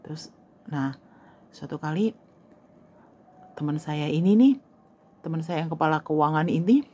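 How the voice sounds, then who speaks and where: A woman's voice: low-pitched, measured pace. An older woman casually telling a personal story, acting out what people said and dropping to a whisper at tense moments. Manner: animated, acts out quoted dialogue, drops to whispers. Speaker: storyteller host.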